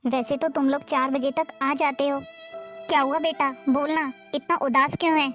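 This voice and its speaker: A woman's voice: sits high, fairly even intonation, normal speed, fairly bright tone. A woman playing a harsh, superstitious middle-aged mother-in-law who scolds in a bossy way, in a homemade moral-story drama. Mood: worried. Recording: music clearly behind the voice.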